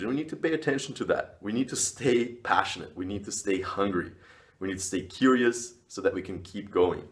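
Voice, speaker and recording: A Brazilian man whose first language is Portuguese gives advice straight to camera in a language-learning vlog. His voice is deep and low, and his delivery is earnest, measured, and clear, with frequent pauses on "uh" and "you know."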